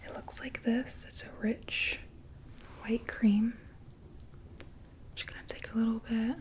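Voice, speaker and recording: Woman, whispered role-play as spa attendant. Soft, breathy, unhurried and soothing. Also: a little high, level tone. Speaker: ASMR host playing a spa beautician.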